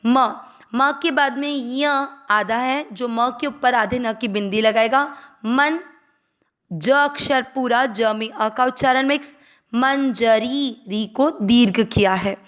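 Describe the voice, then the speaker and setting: A woman teaching Sanskrit pronunciation, patiently spelling out each syllable and then chanting the verse slowly. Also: fairly high pitch, a bit bright. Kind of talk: slow syllable-by-syllable pronunciation lesson.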